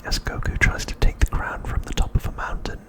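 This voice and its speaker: Speaking only in a whisper, a male ASMR host presents a recap. His breathy, unvoiced words come in deliberate phrases separated by brief pauses, much like narration read quietly aloud.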